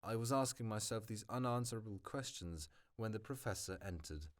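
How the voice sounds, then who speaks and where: A man's voice: lowish voice, animated, a little fast. A man reading a novel aloud as a hobby, often stumbling and restarting words. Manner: stumbles, restarts and corrects words, remarks on the text. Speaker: hobby audiobook reader. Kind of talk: amateur audiobook reading.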